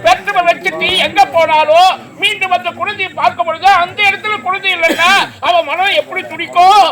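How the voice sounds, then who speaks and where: A street theatre performer playing a village parent who scolds the daughter in loud, rapid colloquial banter. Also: very high voice, fairly even intonation. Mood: scolding. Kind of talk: outdoor street theatre acting. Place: outdoor street stage with a crowd. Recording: noisy outdoor crowd recording.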